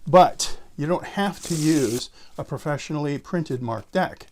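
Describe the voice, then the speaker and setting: A man's voice: on the high side, unhurried, a little mellow, a little hiss or hum. A man speaking as a magician in casual card-trick patter and tutorial explanation, conversationally addressing viewers and imagined spectators directly.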